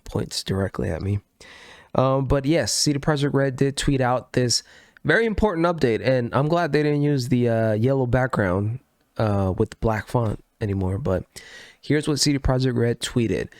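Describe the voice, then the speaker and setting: A man's voice: mid-range voice, normal speed, no echo, clean studio sound. A sick, congested man hosting a gaming news podcast, talking casually as he rambles, corrects himself and swears freely. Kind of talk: casual solo news commentary.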